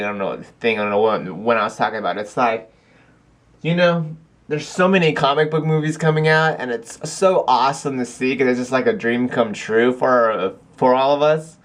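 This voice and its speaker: A young male vlogger talks casually to camera from his cold house, rambling along with plenty of fillers and restarts. His voice is mid-range and his pace moderate.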